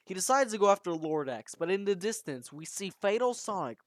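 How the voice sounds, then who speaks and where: An amateur storyteller recounts a fan-made horror tale with dramatic, animated delivery and keeps restarting sentences. The voice sits at a middling pitch and sounds dry and close, with no room around it. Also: a little fast, no echo.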